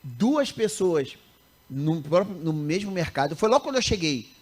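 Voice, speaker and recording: A man in his thirties from Rio de Janeiro with a Carioca Brazilian accent, a missionary teacher telling stories in a casual interview, animated and often breaking off mid-sentence. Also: on the high side, normal speed. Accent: Carioca Brazilian Portuguese. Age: 30s. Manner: animated, self-interrupting, laughs at own stories.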